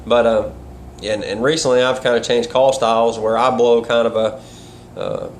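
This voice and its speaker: A man gives a casual, hands-on lesson in a folksy, rambling style. His voice sits at a middling pitch and his grammar is loose and colloquial. There is clear noise behind him on the recording. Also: lively intonation, normal speed. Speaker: duck calling instructor and caller. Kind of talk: casual instructional vlog talk.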